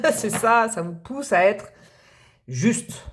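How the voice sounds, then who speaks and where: A woman's voice: fairly high pitch, lively intonation, drawn-out words, slight background noise. A woman giving a casual tarot reading, talking straight to her viewers and thinking aloud as she goes. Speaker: tarot reader.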